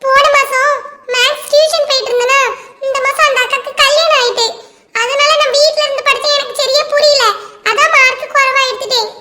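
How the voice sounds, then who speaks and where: A woman's voice: very high voice, steady tone, fairly quick, pushed and bright, long reverb tail. A woman with a Kanyakumari Tamil accent voicing a meek fifth-grade schoolgirl who apologetically explains herself in a cartoon. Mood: apologetic.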